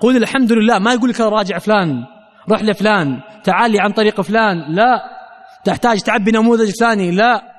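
High-voiced preacher, echoing hall. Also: male voice, fast talker. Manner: earnest, addresses the crowd directly. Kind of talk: sermon with storytelling.

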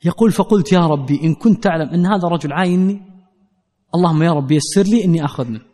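Guy preaching, earnest, talks right to the crowd, pretty high voice. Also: racing, mellow, long reverb tail. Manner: earnest, addresses the crowd directly. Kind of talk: sermon with storytelling.

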